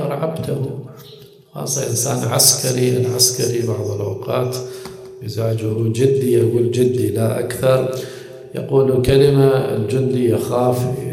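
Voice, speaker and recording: Gravelly-voiced man preaching in an echoing hall. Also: mid-range voice, dark tone. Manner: storytelling with rhetorical questions, at times chanting. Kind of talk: sermon. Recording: echoey hall with long reverb.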